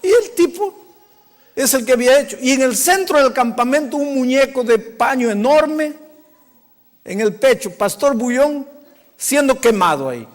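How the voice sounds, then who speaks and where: An older man from Peru, a pastor telling a story in a sermon, acting out the dialogue and dropping to a hush at emotional moments. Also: very high voice, moderate pace. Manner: animated storytelling, acting out quoted dialogue with hushed emotional drops. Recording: long hall reverb.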